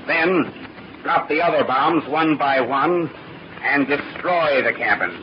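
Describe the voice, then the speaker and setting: Cold pompous villain boss, 1940s radio serial, talks down to everyone, muffled noisy recording. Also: male voice, on the high side. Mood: cold, commanding. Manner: pompous, condescending, theatrical, deliberate. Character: cold, imperious middle-aged male villain, father and criminal boss.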